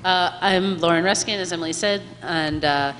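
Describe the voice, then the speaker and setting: A woman's voice: fairly low pitch, moderate pace. A woman in her thirties from Miami, hosting and moderating a live panel in a friendly, explanatory way. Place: museum event hall before an audience. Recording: live hall reverb, faint room noise.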